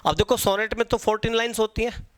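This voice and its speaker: A man's voice: sits high, level tone, quick pace, a bit bright, clear, resonant tone, dry recording. A man teaching an exam-prep lecture. He repeats key points and quizzes his students.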